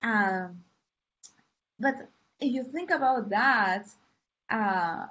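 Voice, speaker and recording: A woman from Peru, a university lecturer, giving an online class in a friendly, unhurried way with fillers and pauses. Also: medium pitch, fairly bright tone. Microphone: computer mic on a video call. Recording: muffled lo-fi call audio.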